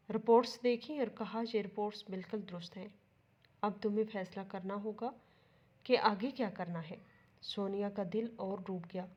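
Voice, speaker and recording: A woman's voice: mid-range voice, muffled recording. A woman reading an emotional moral story aloud as narrator, speaking the lines of its characters too. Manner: steady emotional storytelling with quoted dialogue. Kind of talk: scripted narration.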